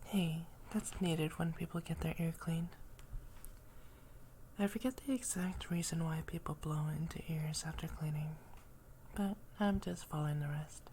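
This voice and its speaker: A woman playing a teasing, caring young woman in a whispered role-play for ear cleaning ASMR, speaking softly and breathily in a gentle, chatty way. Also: low-pitched, normal speed, a little hiss or hum, lightly acted.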